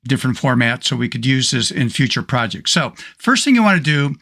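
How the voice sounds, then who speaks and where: A man with a hoarse voice, casually talking through a photo editing tutorial step by step. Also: medium pitch, very animated, brisk, a bit bright. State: hoarse, losing his voice. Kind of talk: screen-recorded software tutorial.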